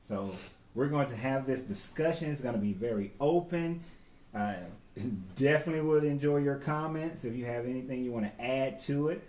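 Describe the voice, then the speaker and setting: In his forties, this man co-hosts a laid-back, slangy live talk with his wife and greets viewers by name. His mid-range voice is a little mellow and moves at a moderate pace. The room echoes, with faint noise in the background.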